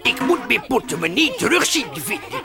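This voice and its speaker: Gruff grumpy workman from a storybook, put on by a woman, gravelly, music behind. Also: on the high side, big pitch swings, brisk. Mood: grumbling. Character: crude, grumpy male road-service worker.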